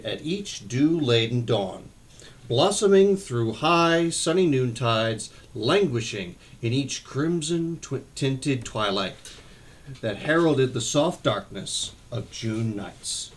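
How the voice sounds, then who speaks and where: A man reading a children's novel aloud chapter by chapter, expressive with occasional slips and restarts. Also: medium pitch. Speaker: storyteller.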